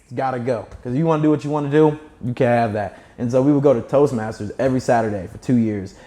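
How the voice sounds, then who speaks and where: A young adult startup founder, here as a guest, speaks quickly in a warm mid-range voice with a slight lisp. Emphatic and fluent, he trades animated stories and advice in conversation.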